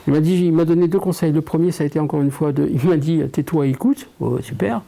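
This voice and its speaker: A man's voice: fairly high pitch, fast talker, creaky, mellow. A French man working as a medium, chatting and joking with an audience. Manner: chatty, joking, drops to a whisper. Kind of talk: public medium session.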